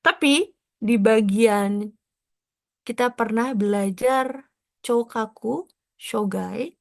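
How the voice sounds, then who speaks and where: A woman tutor giving an explanatory lesson, stepping through technical terms and glossing each one, with frequent soft tag questions. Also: a little high, slow, creaky, dry recording, studio quality. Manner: explains step by step, drops in foreign technical terms and glosses them. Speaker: exam prep tutor.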